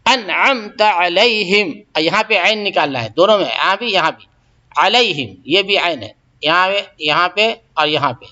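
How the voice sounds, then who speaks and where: A man's voice: high-pitched, lively intonation, sharp tone. A man teaching Quran recitation, drilling pronunciation by repeating syllables and checking that learners follow. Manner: asks learners to check understanding. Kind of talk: recitation lesson. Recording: dull lo-fi audio.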